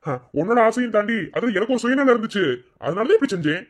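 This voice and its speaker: A man's voice: sits high, lively intonation, quick pace. A man doing a sly scheming village man. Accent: Madurai Tamil.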